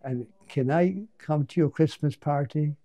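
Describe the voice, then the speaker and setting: A shy young bunny stammers his requests in a raised, softly mellow voice, put on by a man telling a bedtime-style story. He sounds timid and hopeful, tripping over his words. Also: fairly high pitch, unhurried, pitched above the performer's own voice.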